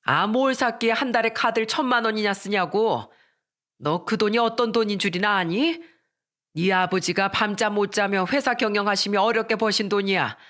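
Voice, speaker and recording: A storyteller voicing an angry middle-aged mother-in-law who scolds her daughter-in-law in a raised, shrill voice. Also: normal speed, lightly acted. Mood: scolding. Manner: shrill and scolding, rising louder.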